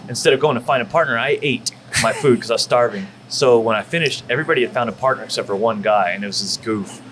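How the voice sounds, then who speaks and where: Former wrestler guest from Texas, mid-pitch male, cussing and rambling, audible restaurant noise. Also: quick pace, a bit bright, rough recording. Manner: profane, rambling, full of fillers. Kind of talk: casual storytelling. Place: barbecue restaurant.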